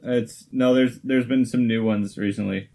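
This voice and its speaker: A man co-hosting a podcast, tipsy from drinking, tossing in quick deadpan interjections. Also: medium pitch, gravelly. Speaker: podcast co-host. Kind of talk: casual drunken banter.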